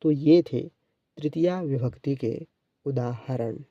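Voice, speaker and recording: A man teaching a grammar lesson, reciting word forms in a measured, drawn-out way, then explaining each one. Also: medium pitch, dry recording. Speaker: Sanskrit teacher. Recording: dull, lo-fi sound.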